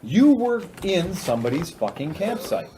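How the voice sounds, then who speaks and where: Brief: lively man, slightly high voice, swoopy animated delivery, chatty crowd noise around, crude storyteller. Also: moderate pace. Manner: animated storyteller, laughs often, crude humor. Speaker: podcast host. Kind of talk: casual group chat.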